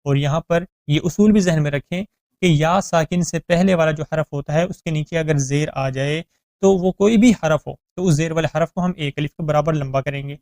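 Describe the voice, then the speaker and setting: A man with a smooth, clear, fairly high voice teaches Quran reading. He explains the rules plainly and spells out letters syllable by syllable. The sound is dry and close, with no room echo. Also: darkish tone. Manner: explains rules in plain talk, then recites verses slowly and melodiously. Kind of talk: Quran recitation lesson.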